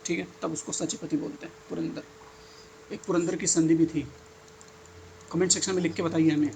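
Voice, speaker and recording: A man's voice: on the high side, flat delivery, fairly quick, gravelly, darkish tone, a little hiss or hum. A young adult male teacher giving an exam-prep lesson, reading out word lists with enthusiastic, chatty asides. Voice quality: enthusiastic, chatty asides between listed words.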